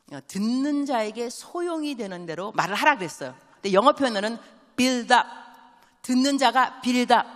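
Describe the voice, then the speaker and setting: A woman missionary preaching a sermon, telling stories and asking the congregation quick questions, mixing in English phrases. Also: on the high side. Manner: animated storytelling with quick call-and-response questions to the congregation; drops English phrases into her speech. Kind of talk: church sermon. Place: large church sanctuary. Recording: long church hall reverb.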